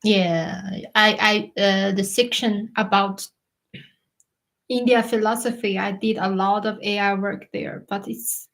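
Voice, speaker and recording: A woman in her thirties hosting a casual live stream, chatting and answering viewers' questions, often pausing to search for words. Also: medium pitch, steady tone, a bit bright, rough recording. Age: 30s. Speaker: livestream host.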